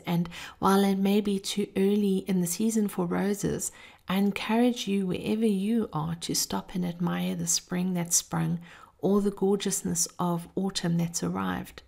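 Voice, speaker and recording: Woman storyteller with a gravelly, creaky edge. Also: fairly low pitch, darkish tone. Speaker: host of a daily encouragement podcast. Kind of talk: personal reflective storytelling, addressed to listeners.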